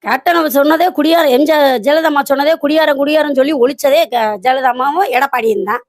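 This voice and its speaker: High pitched lady from down south scolding party folks, lots of rhetorical questions, dry sound. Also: fairly even intonation, quick pace, dry recording. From Virudhunagar district, Tamil Nadu. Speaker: local party women's wing secretary. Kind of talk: political message to party supporters.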